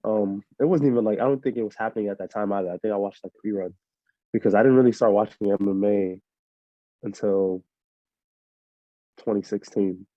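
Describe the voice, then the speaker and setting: A young man from Miami, a fighter answering interview questions in a relaxed, rambling way full of fillers. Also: lowish voice, fairly quick, pauses often, no echo. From Miami, USA. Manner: laid-back, rambling with many fillers. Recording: muffled lo-fi audio.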